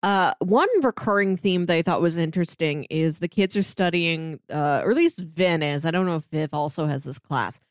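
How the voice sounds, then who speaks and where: A podcast co-host discusses comic books casually, retelling scenes informally with paraphrased dialogue. Her low-pitched voice moves at a normal speed with hardly any pauses, in a studio-quality recording with no room sound.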